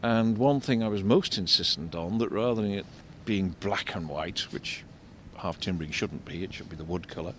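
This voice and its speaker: An older man giving unscripted commentary as an architect and local guide, discursive and explanatory, halting and repeating words. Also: a bit bright. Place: outdoors in a shopping street. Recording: vehicle rumble, street noise. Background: faint street traffic rumble.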